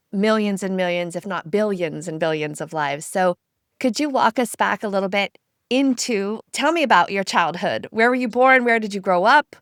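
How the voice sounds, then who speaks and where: A woman's voice: mid-range voice, fairly bright tone, smooth, dry recording, clean studio sound. A woman hosting a podcast, reading a polished guest introduction and then chatting with enthusiasm. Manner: enthusiastic, effusive. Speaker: podcast host. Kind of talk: scripted intro then casual interview.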